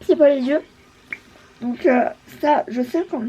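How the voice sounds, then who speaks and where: A woman's voice: high voice, measured pace, background noise. A woman beauty vlogger chatting casually, hesitant and full of fillers. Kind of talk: casual chat.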